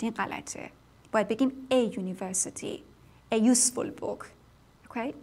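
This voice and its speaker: A woman teaching English grammar in a televised lesson, explaining patiently with frequent fillers and self-corrections. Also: fairly high pitch.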